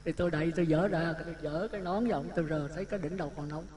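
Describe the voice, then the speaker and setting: A man with a Southern Vietnamese accent, a Buddhist monk telling a lively story in a sermon and acting out the dialogue. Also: a little high, very fast, a little hiss or hum. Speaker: Buddhist monk giving a dharma talk. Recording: talk with audience sounds behind. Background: listeners laughing.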